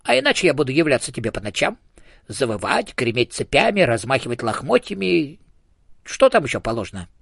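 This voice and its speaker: A man's voice: mid-range voice, very animated, a little fast, creaky, a bit bright, slightly rough, dry recording, studio quality, full character voice. A man voicing the chatty, bossy ghost of a small male hamster in an audiobook, fussy and pushy. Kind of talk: audiobook character voice.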